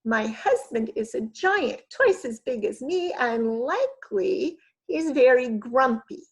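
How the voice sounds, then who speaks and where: A woman's voice: high-pitched, lively intonation, takes it slowly. A woman reading the lines of a bossy, practical giant's wife in a storybook. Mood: stern.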